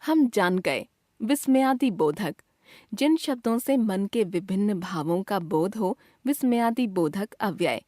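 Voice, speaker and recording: A woman's voice: mid-range voice, unhurried, no room sound, clean studio sound. A woman reading a scripted grammar lesson, acting out the example exclamations with feeling. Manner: reads examples with expressive emotion.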